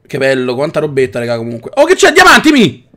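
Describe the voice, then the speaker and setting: A man's voice: medium pitch, wildly swooping pitch, quick pace. Jumpy, swearing young gamer man. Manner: jumpy, loud, swears and yells at monsters. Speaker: gaming co-host. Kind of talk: casual gameplay commentary.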